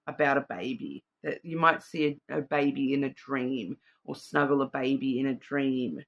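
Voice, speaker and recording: A woman's voice: extremely low pitch, fairly even intonation, moderate pace, dull audio. A middle-aged woman giving a casual psychic card reading, thinking aloud in a rambling, intuitive way. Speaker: card reader.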